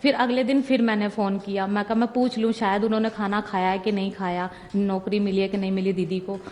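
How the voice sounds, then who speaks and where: A woman's voice: mid-range voice, flat delivery, a little fast, darkish tone. A young woman giving a personal testimony, retelling what happened with many quoted exchanges. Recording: long reverb.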